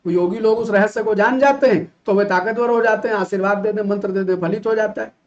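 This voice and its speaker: A male teacher from Uttar Pradesh giving an animated classroom lecture, full of rhetorical questions and mock imitations of students. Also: high-pitched, a little fast, lo-fi sound. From Uttar Pradesh, India.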